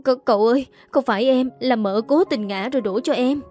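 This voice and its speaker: A woman's voice: fairly high pitch, a little fast, darkish tone, faint music behind, close to an everyday voice. Woman putting on a young maid, defiant then pleading. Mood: panicked pleading. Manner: stammering, whining when scared.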